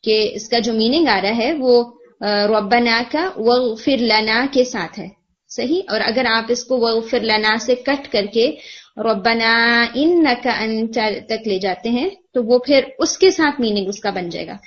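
A woman tutor explains pronunciation patiently and step by step, switching easily into English words. Her voice sits a little high. The audio is lo-fi and muffled. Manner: patient, explanatory, mixing English terms into Urdu. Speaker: Quran recitation teacher. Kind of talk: one-on-one tajweed feedback.

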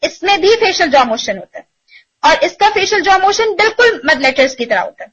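A woman teaching tajweed to students, explaining patiently and sounding out syllables slowly as examples. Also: very high voice, big pitch swings, a bit bright, dull audio. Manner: explanatory, asks students rhetorical checks, demonstrates syllables slowly. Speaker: Quran recitation teacher. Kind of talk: online tajweed lesson in Urdu mixed with English.

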